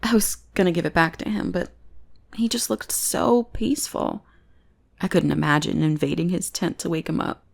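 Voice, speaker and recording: Sweetly polite yet taunting, a young woman voices a possessive goth bully with a secret crush for an ASMR roleplay. She speaks at a moderate pace in a lowish voice, keeping things playful and slipping into breathy whispers.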